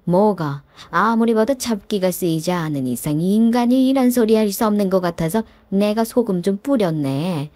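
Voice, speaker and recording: A woman voicing a blunt, fiery older mother-in-law who scolds in a sharp-tongued way. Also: medium pitch, lively intonation, normal speed, hardly any pauses, no echo, close to an everyday voice. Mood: scolding.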